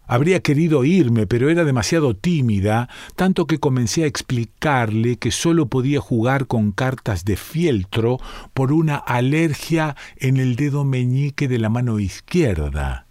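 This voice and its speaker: Guy reading a story out loud, calm and measured, dry close mic. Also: medium pitch, dry recording. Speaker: reader. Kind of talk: reading a short story aloud.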